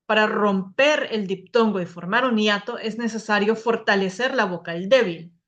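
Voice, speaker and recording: A woman's voice: medium pitch, moderate pace, fairly bright tone. A young woman teaching a spoken grammar lesson to a class, explaining patiently, often restarting her words.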